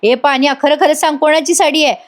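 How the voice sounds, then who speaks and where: A woman voicing a brash, jealous young woman who scolds loudly in a high voice. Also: fairly even intonation, fast, lightly acted. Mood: accusing. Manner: shrill, scolding, shouting around.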